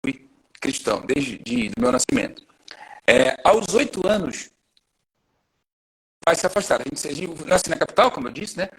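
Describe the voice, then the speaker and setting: A man's voice: a little high, sing-song, normal speed, gravelly, long pauses, slightly rough, poor audio. A man, a guest telling his personal testimony in a friendly, chatty way on a live podcast. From Rio de Janeiro, Brazil. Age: 40s. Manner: friendly, chatty, self-introducing at length.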